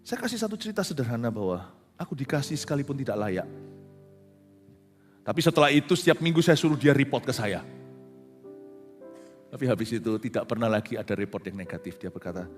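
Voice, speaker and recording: A man's voice: medium pitch, fairly quick, long pauses. Male pastor preaching in reverberant hall. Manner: animated storytelling, drops to soft quiet tones then rises to loud emphasis; mixes English phrases into speech. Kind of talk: sermon with anecdote. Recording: hall reverb with soft guitar music behind.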